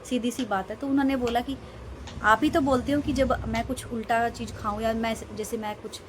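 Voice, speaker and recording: Chatty young woman, slightly high voice. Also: fairly even intonation, fairly quick, a little hiss or hum. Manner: chatty, rambling, emphatic storytelling. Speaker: vlogger. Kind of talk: casual vlog monologue.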